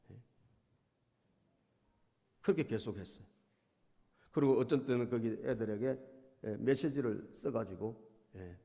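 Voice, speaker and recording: A male pastor preaching a sermon, storytelling and often prompting the congregation, dropping to soft asides and rising to loud bursts. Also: medium pitch. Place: church sanctuary. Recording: long reverb of a church hall.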